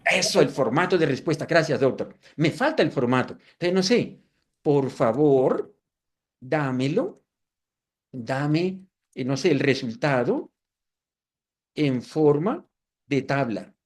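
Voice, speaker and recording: Speaking slowly with long pauses, a fifty-something man with a fairly high voice presents a live webinar demo. His delivery is lively as he asks his audience rhetorical questions and pokes fun at himself.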